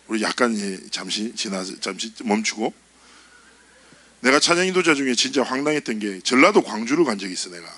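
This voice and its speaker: Youth pastor guy preaching, bright voice, super lively, jokey. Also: medium pitch, no echo. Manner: animated and joking, acts out funny quotes. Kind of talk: youth sermon. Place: church.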